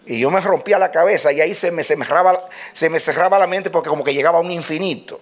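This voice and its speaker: A man preaching a sermon to a congregation, calling out to them and swinging between loud exclamations and low, quiet lines. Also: fast talker. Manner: calls out to the congregation.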